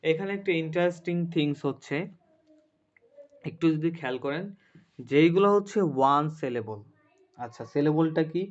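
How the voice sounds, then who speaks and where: A male teacher leads a grammar class, slowly drilling word lists and often checking that the students follow. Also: on the high side, lively intonation. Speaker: English teacher. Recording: muffled lo-fi classroom recording.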